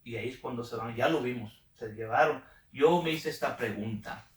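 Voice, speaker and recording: A man leads a Bible study, reading passages aloud, explaining them, and frequently asking questions to check in with his listeners. His mid-range voice moves at normal speed. The distant mic picks up a roomy echo.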